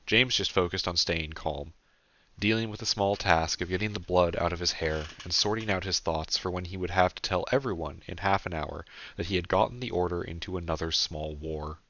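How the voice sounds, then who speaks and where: A man narrates his own audiobook in a deep voice with a bright, forceful edge. He tells the story steadily and earnestly. The close, dry home recording sounds a little dull and lo-fi. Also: fairly quick, no echo.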